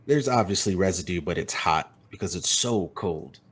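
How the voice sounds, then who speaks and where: A man's voice: deep voice, animated, moderate pace, fairly bright tone, slightly rough. A man playing a tabletop role-playing game, casually describing what his character does while searching for words. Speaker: player.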